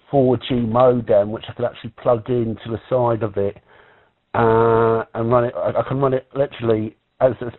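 A man from the UK chatting casually on a ham radio net, rambling with many restarts. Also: medium pitch. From United Kingdom. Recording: tinny radio audio.

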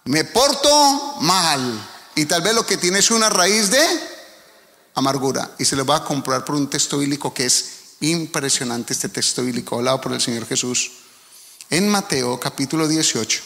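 A pastor with a Colombian accent preaches earnestly and emphatically, speaking straight to his congregation. His mid-range voice is creaky with a fairly bright tone, and a long hall reverb surrounds it.

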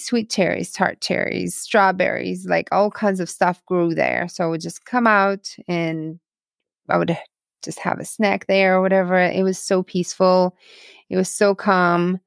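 This is a personal testimony interview: a young Ukrainian woman whose native tongue is Russian looks back on her past in earnest, using plain non-native English with a Ukrainian accent. Her pitch is fairly low and creaky, and the studio sound is clean and echo-free.

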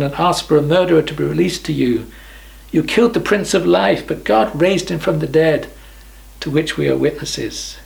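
Gravelly-voiced male preacher reading scripture. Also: fairly high pitch, poor audio. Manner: reads scripture slowly, trails off softly at phrase ends. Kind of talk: sermon.

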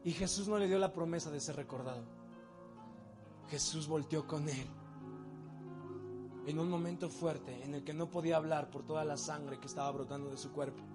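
A Mexican man preaching a sermon, moving between loud exhortation and soft, intimate passages. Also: on the high side, fairly even intonation, moderate pace, long pauses, over music.

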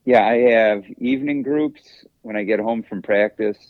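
A man's voice: mid-range voice, wildly swooping pitch, normal speed, creaky, dry recording, narrow, tinny audio. A man, a track coach, telling stories in a casual interview in a laid-back way, with hesitant fillers. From United States.

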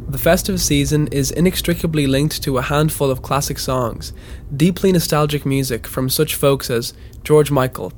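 A man, a podcast host, reading scripted comic narration in a deadpan, mock-grandiose way. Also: mid-range voice.

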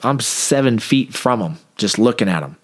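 A man's voice: mid-range voice, normal speed. A man who is a police officer, telling a story from his work in a casual interview. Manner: animated anecdote with acted-out quotes.

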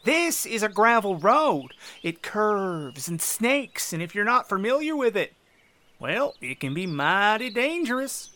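A man's voice: high voice, sing-song, measured pace, sharp tone, pitched above the performer's own voice, full character voice. A man voicing a patronizing male state trooper with a drawling, condescending manner. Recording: music playing under the voice.

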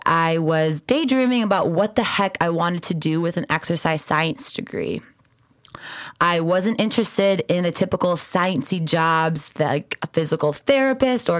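A young woman hosts a podcast in a casual storytelling style. Her voice is slightly low and recorded close and dry, and she comes across as earnest and enthusiastic. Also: no room sound. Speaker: podcast host and founder.

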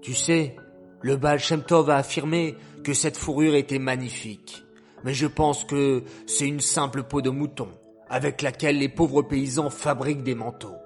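A man's voice: medium pitch, fairly even intonation, normal speed, faint music behind, close to an everyday voice. A man voicing a timid, fearful poor man in a told story, anxious and pleading.

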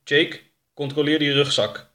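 A man voicing a stern, suspicious man of about fifty in a storybook reading, gruff and commanding. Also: a little high, little pitch movement, measured pace, a bit bright, voice pushed up.

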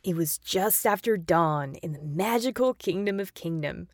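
A woman's voice: on the low side, lively intonation, moderate pace, no room sound, clean studio sound, soft background music. A woman narrating a scripted fairy-tale adventure in storybook style.

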